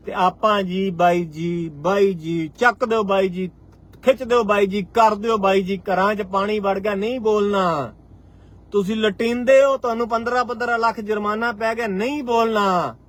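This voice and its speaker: A man's voice: sits high, fairly even intonation, normal speed, a bit bright. A man in his forties with a Punjabi accent, giving a fiery live-stream address as a farmers' union leader and driving his points home with repeated rhetorical lines. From Punjab, India. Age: 40s.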